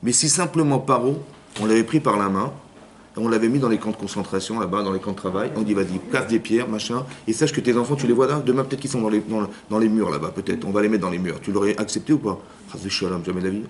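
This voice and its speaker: A man, a rabbi, giving a Torah lesson in a lively way, acting out little inner dialogues and often checking that his listeners have understood. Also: on the low side, fast, slight background noise. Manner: lively, acts out inner voices, keeps asking "vous avez compris?". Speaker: rabbi teaching a class.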